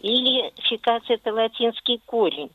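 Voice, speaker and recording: A woman's voice: on the high side, animated, moderate pace, dry recording, narrow, tinny audio. Earnest female radio caller. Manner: earnest, hesitant. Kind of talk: question on a call-in show.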